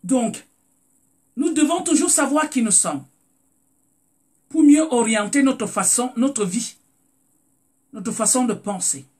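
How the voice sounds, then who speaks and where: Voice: medium pitch, expressive, slow, pauses often, dark tone, husky. A speaker from Cameroon with a Cameroonian French accent, hosting a casual live talk, repeating words while searching for them and greeting viewers by name. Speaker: live stream host.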